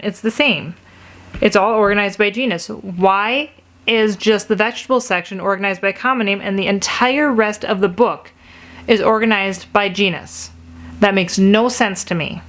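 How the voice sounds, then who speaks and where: A woman's voice: mid-range voice, fairly bright tone. A woman giving a frank, casual book review, critical and mildly exasperated as she pages through a book.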